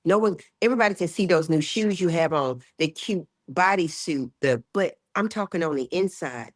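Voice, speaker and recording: A woman in her sixties, a health educator talking as a guest in an interview, emphatic and lively, often acting out what people say. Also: lowish voice, moderate pace, no room sound, studio quality. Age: 60s. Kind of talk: casual interview chat.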